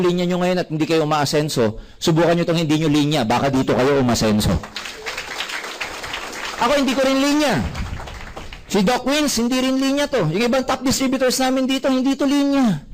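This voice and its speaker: A man with a Filipino accent giving a motivational seminar talk, animated and full of stories told with quoted dialogue. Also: high-pitched. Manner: animated, storytelling with quoted dialogue, mixing Tagalog and English. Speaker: network marketing speaker.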